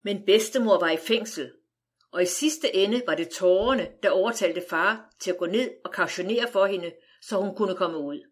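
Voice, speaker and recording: A woman's voice: mid-range voice, slightly rough. Woman narrating an audiobook wryly. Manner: wry, measured storytelling. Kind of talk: first-person audiobook narration.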